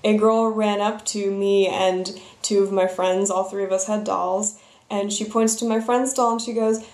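A woman's voice: mid-range voice, little pitch movement, moderate pace, darkish tone, reverberant. A young woman telling embarrassing stories in a wry, self-deprecating way. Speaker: vlogger. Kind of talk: storytelling vlog.

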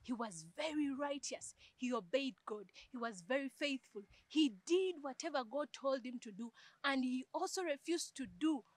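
A young woman teaches a Sunday school lesson to children outdoors. Her voice is high and she tells the story in a lively, expressive way. The recording is close and dry. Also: moderate pace, no room sound. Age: young adult. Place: outdoors in a garden.

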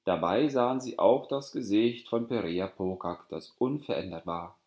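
A man narrating a fairy tale for an audiobook in a calm, even storytelling manner. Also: on the low side, normal speed. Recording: roomy echo.

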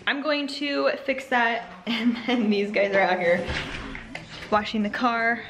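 Young woman, family vlogger, sing-song with her toddler, higher voice, noisy household background. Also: steady tone, takes it slowly, a bit bright. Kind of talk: casual vlog chat. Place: family home indoors. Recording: noisy home ambience.

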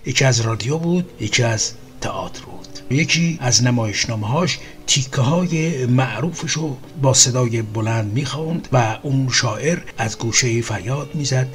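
Male narrator, middle pitch, measured storytelling read, faint music bed underneath.

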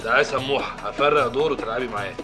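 An actor playing a carefree gambling husband, speaking in Egyptian Arabic in a breezy, dismissive way. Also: male voice, mid-range voice, rapid-fire, music in the background, natural voice.

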